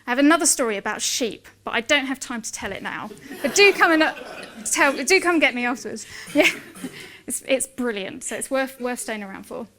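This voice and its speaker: A woman in her forties giving a lively conference talk, chatty and self-mocking, acting out dialogue in her stories. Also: on the high side, fairly quick, a crowd in the background. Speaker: conference speaker.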